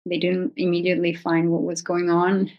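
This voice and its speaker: A woman talking informally to viewers as a video host, consoling and reassuring, with a hesitant, halting delivery. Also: on the low side, monotone, lo-fi sound. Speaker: video host giving pet-loss advice. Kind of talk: informal, unscripted talk to viewers.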